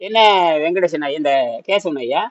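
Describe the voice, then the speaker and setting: High-voiced blunt man teaching a group. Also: normal speed, lo-fi sound. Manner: blunt, repetitive, quizzes listeners. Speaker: naturopathy teacher. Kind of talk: informal group lesson.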